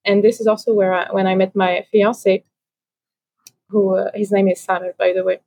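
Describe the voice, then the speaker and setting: A woman's voice: mid-range voice, little pitch movement, moderate pace, warm tone, no room sound. A young woman from France, a guest on a podcast, chatting casually over a video call with many fillers and restarts. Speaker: podcast guest, ocean educator. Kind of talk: casual interview conversation.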